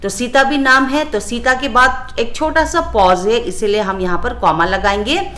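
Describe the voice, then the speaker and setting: A woman teacher with an Indian accent, slowly going through a textbook lesson and listing answers one by one. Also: a little high, a bit bright. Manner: slow, spells out answers in short lists.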